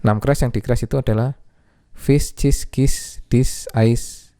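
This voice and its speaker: A man's voice: mid-range voice, fairly even intonation, a little slow, warm tone, no echo, clean studio sound. A man teaching music theory, patiently naming notes one by one and checking in with "ya". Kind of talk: explaining music theory lesson. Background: piano playing.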